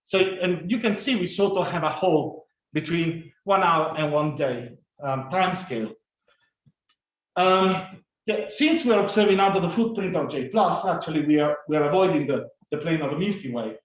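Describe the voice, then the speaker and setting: A man giving a fast, halting scientific conference talk, full of fillers and restarts. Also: a little high. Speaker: conference speaker. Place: conference room or lecture hall. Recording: echoey, dull conference recording.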